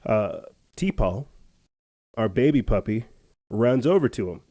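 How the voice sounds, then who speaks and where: A man's voice: medium pitch, animated, slow pace, mellow. A man hosting a podcast, telling a casual story in a rambling, chatty way with lots of fillers and restarts. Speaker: podcast host.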